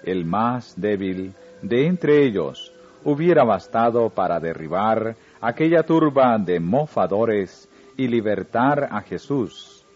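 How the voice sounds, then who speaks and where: A man reading a religious story aloud in a slow, solemn narrating manner. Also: fairly low pitch, lively intonation, darkish tone. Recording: dull lo-fi recording with faint music.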